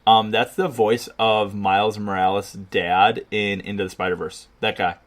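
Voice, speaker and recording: A man's voice: fairly low pitch, little pitch movement, moderate pace. A man in his twenties from Chicago, co-hosting a casual podcast chat, rambling and swearing, with lots of fillers. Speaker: podcast co-host.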